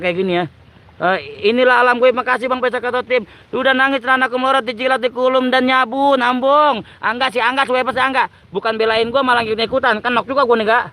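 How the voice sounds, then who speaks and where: High-pitched guy w doing a live stream by the rice fields, reads out comments, keeps giggling. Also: pushed and bright. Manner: giggly, breaks into laughter while reading comments. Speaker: livestream host. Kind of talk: casual livestream, reading viewer comments aloud. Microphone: phone on a tripod.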